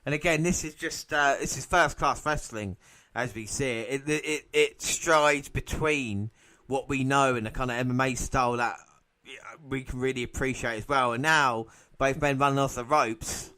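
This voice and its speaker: A man commentating on a wrestling match for a podcast, excitable and often laughing. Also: medium pitch, normal speed. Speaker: podcast co-host.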